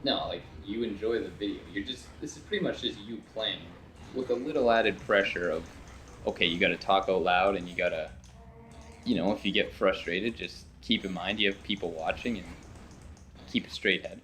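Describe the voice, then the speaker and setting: Young man, low voice, talkative gaming commentary, worn voice, occasional swearing, keyboard typing behind. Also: normal speed, a bit bright, a little hiss or hum. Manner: rambling, talkative, swears when frustrated. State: voice getting worn from talking. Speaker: gaming video host. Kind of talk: casual let's-play commentary.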